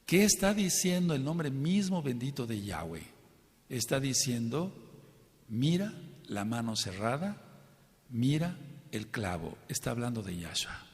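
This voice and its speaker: In a congregation hall with a long hall reverb, a man preaches a teaching sermon to his congregation. His medium-pitched voice is sing-song and unhurried as he stresses and repeats key points and puts questions to his listeners.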